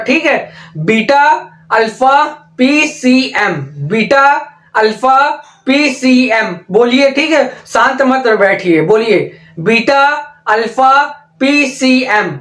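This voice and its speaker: A man teaching pharmacy students, drilling terms slowly with constant "okay?" check-ins and call-and-response repetition. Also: very high-pitched, a bit bright. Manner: slow, drawn-out repetition of terms, frequent "ठीक है?" check-ins. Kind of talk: exam-prep lesson with call-and-response drilling. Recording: echoey room.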